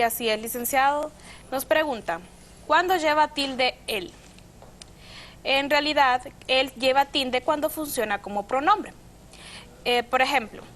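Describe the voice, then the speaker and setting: A female co-host on a television language show speaks in a high, bright register. She often repeats the host's key words and adds brief examples. Faint noise sits behind her voice. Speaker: TV program co-host. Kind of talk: didactic TV chat.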